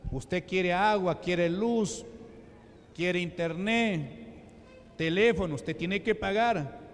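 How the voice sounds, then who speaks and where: High-voiced Peruvian man preaching in a hall. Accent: Peruvian Spanish. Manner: slow, emphatic, rhetorical questions, drops to low voice. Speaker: deacon preaching. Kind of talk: sermon. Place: church sanctuary. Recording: reverberant church hall.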